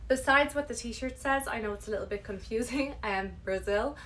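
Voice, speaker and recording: A woman's voice: a little high, normal speed, a bit bright, slight background noise. A woman with a west of Ireland accent, chatting casually and digressively to camera as a vlogger. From Ireland, Galway on the west coast. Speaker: YouTube vlogger. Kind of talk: casual personal storytelling to camera.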